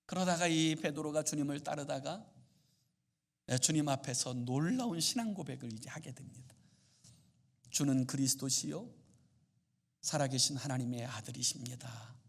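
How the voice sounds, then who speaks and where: A male pastor delivering a sermon dramatically, swinging from loud exclamations to hushed murmurs. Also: a little high, normal speed, vocal fry, pauses often.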